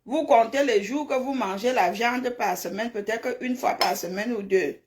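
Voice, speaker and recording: Answering comments during a casual live stream, this woman has a fairly high voice and talks at normal speed. Raised in a village in francophone Africa, she scolds bluntly, stresses her points hard and says things over again.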